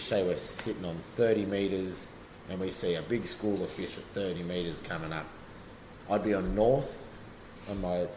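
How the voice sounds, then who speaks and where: A man with a low Australian voice talks casually and rambles through his fishing method, restarting sentences as he goes. The room is echoey, with a faint hiss of noise underneath. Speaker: guest angler. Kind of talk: casual chat.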